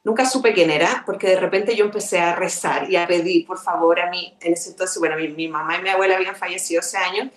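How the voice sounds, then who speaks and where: A woman guest telling a paranormal story in a live chat, animated, acting out her own reactions. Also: on the low side, quick pace, few pauses, echoey room, rough recording.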